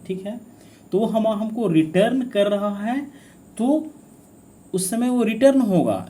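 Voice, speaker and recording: Hindi-speaking man teaching in a lively voice. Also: on the high side, slight background noise. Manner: asks students questions then answers them; repeats key words for emphasis. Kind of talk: exam-prep grammar lesson.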